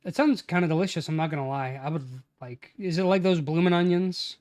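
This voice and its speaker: This streamer is a man in his twenties whose voice sits on the high side, brisk and a little mellow. While writing his tabletop campaign on a casual stream, he murmurs phrases as he types before switching to easygoing chat with his friends, cursing often.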